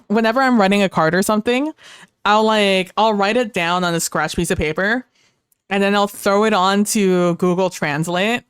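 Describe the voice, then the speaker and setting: Young woman, native Spanish speaker, rambling streamer chat, smooth clear voice, dry close sound. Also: medium pitch, dry recording. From Mexico. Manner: rambling, chatty, reading chat aloud. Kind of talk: casual livestream chat.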